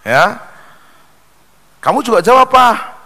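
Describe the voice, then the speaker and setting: A man preaches a sermon in a slow, unhurried rhythm, his voice bright and swinging widely in pitch. He tells jokes, acting out the characters, then leads the congregation in repeating his lines. A long reverb from the large church hall trails each phrase. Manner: animated joke-telling, acts out voices; leads congregation call-and-response. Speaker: pastor.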